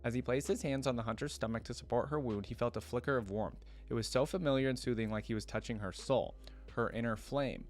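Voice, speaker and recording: A man speaking at medium pitch and a fast pace runs a reaction video, reading text aloud, making casual remarks and working through his explanations out loud.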